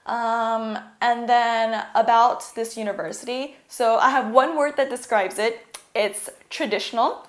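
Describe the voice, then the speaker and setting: A woman's voice: on the high side, fairly even intonation, unhurried. Young Californian woman presenting in a roomy space. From California, USA. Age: young adult. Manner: casual, uses "like" and "um" often. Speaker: university student. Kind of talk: presentation talk.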